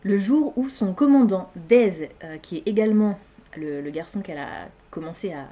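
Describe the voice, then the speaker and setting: A woman's voice: medium pitch, expressive, moderate pace, dark tone, dull audio. A young woman chatting casually as a book vlogger, hesitant, with many fillers and self-corrections. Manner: laughs at her own slips. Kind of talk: casual chat.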